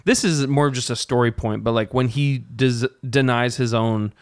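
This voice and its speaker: A man's voice: medium pitch, normal speed, clean tone, dry recording, studio quality. A man hosting a podcast, chatting casually and enthusiastically about a film and sharing trivia. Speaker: podcast host.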